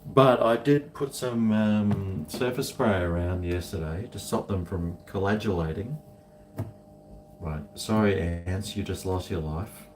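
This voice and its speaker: Casual male streamer, broad Kiwi accent, unhurried laid-back rambling, recorded off-mic in an echoey room. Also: deep voice, darkish tone, faint music behind. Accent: New Zealand. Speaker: streamer chatting to viewers. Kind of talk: casual rambling chat to viewers. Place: indoors, home kitchen. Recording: echoey room, distant mic, faint noise.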